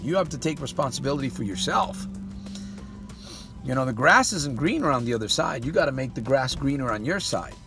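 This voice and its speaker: Speaking brisk and animated over music, a man with a mid-range voice plays a life coach in a motivational monologue. He keeps throwing rhetorical questions at the listener and addresses them folksily as "my friend."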